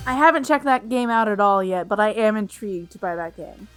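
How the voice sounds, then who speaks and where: A woman livestreaming a game and chatting with viewers in a bubbly, cutesy, playful and expressive way. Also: medium pitch, brisk, clean tone. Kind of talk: livestream chat while playing a game. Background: game music.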